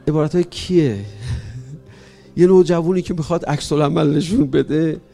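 A man preaching an emotional mourning sermon, swinging between loud cries and hushed tones. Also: on the high side, fairly even intonation, vocal fry.

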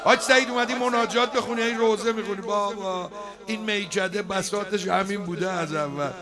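A man giving a chatty, joking sermon at a religious gathering, now and then bursting out loudly. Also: sits high, steady tone, noisy background. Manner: chatty and joking, breaking into loud outbursts. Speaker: preacher. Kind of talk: conversational sermon. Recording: live crowd audible behind.

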